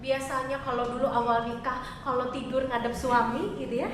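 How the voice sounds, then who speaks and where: A woman pastor giving a chatty, expressive sermon and asking her congregation questions. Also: high-pitched, a little fast, a little hiss or hum. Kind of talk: conversational sermon. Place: church hall. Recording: echoey church hall, mic far off.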